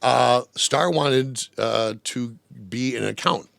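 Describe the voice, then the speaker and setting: A man, a former radio DJ, telling stories in an interview, animated and laughing often, putting on voices for the people in his anecdotes. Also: mid-range voice, takes it slowly, creaky, no echo. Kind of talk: storytelling interview. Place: radio studio.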